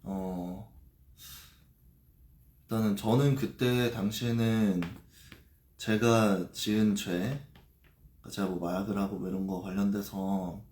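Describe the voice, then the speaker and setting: A man talks slowly and haltingly into a livestream, pausing often between words. His voice sits low and mellow, and the room around him rings with echo. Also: slight background noise. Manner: halting and hesitant, with many pauses and fillers. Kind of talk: confessional livestream talk.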